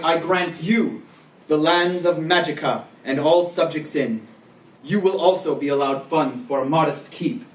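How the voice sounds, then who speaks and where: A solemn medieval king, acted by a man delivers a formal, declamatory knighting address with proud grandeur. The voice sits somewhat high. It is captured at a distance in a reverberant room, with faint noise behind it. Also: close to an everyday voice. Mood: regal, formal. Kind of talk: ceremonial scripted speech. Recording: roomy, distant microphone, faint background noise.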